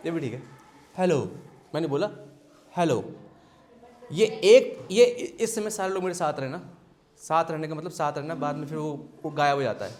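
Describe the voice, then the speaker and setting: A man teaching a science workshop to school students. He directs the students through a classroom demonstration and keeps asking them quick questions. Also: fairly high pitch, darkish tone, a little hiss or hum.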